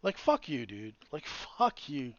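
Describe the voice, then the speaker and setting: A man in his late thirties, co-hosting a podcast, chats casually in a fairly high voice at a measured pace. He swears and rants in an animated, rambling way. The recording sounds dull, dry and lo-fi.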